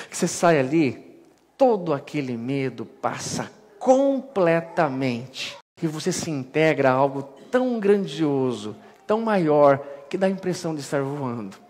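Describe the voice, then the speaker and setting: Brazilian guy telling a lively story in a sermon, kinda high voice, echoey hall. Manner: animated, acts out dialogue. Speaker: spiritist lecturer. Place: spiritist center hall. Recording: hall with long reverb.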